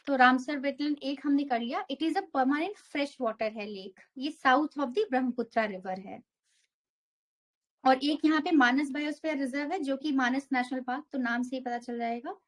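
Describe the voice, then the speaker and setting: A young woman teaching an exam prep geography lesson, walking through a map step by step and mixing English terms into her Hindi. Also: sits high.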